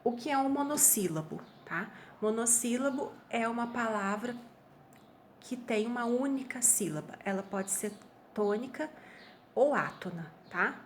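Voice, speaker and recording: Brazilian woman, grammar teacher, fairly high voice, patient explainer, soft room noise behind. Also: expressive, unhurried. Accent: Brazilian Portuguese. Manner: patient, explanatory, frequent "tá?" check-ins. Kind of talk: online review class.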